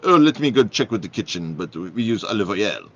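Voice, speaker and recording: A man imitating an adult male French waiter with a French accent, slow, breezy and falsely reassuring. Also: on the low side, sing-song, lo-fi sound. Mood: breezy denial.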